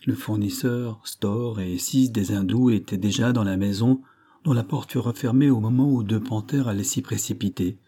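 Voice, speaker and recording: Male audiobook narrator, low-pitched and mellow, steady measured reading. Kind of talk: scripted narration of a classic novel.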